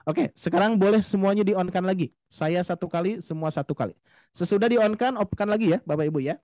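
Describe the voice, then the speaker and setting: High-voiced patient male recitation teacher. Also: dark tone, no room sound, studio quality. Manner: patient, explains slowly, often addresses "Bapak Ibu", models recitation drawn out. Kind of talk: online tajwid class. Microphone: video call.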